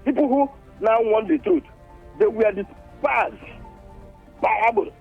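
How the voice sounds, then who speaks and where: A man's voice: extremely high pitch, a little slow, creaky, slightly rough, soft background music. A man calling into a radio show, fervent and impassioned, repeating himself. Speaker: radio caller. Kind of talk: phone-in call. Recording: dull phone line into radio.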